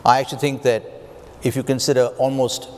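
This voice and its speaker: A man on a conference panel giving a thoughtful, halting answer. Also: mid-range voice, little pitch movement. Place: large conference hall. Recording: reverberant hall with faint ambience.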